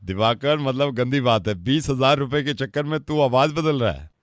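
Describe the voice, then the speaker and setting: A man's voice: mid-range voice, moderate pace, no room sound. A man hosting radio prank calls, playful and mock-offended, pleading with the people he calls. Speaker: radio prank call host.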